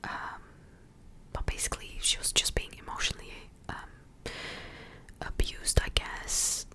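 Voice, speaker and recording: A woman's voice: measured pace, sharp tone. Woman whispering close, like sharing secret gossip. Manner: gossipy, conversational, opinionated. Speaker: ASMR host. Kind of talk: close whispered ASMR gossip, casual chat. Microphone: close microphone.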